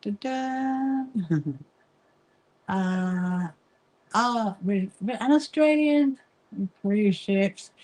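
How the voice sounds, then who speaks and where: Captured in a low-quality recording, a woman speaks extremely slowly with long pauses in a mid-range, slightly mellow voice. She hosts a quilting association livestream while sewing, chatting with viewers, greeting them, and answering comments in her blended Kentish and Sussex accent from England's south coast.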